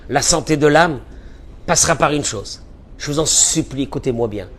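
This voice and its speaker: A man giving an impassioned religious lecture as a rabbi, pleading and repeating phrases for emphasis, dropping to a hush and then rising loud. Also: fairly high pitch, normal speed. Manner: pleading, emphatic repetitions, swings from hushed to loud.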